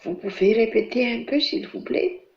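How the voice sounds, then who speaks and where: A woman's voice: a little high, moderate pace, gravelly, noisy background. A woman answering as a student in class, hesitant and repeating herself. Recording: roomy, dull lo-fi sound.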